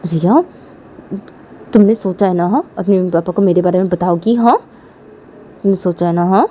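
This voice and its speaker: A woman's voice: on the low side, moderate pace, mellow, slight background noise, close to an everyday voice. A woman voicing an angry young woman who scolds her girlfriend insistently. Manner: scolding, insistent, repeats the name.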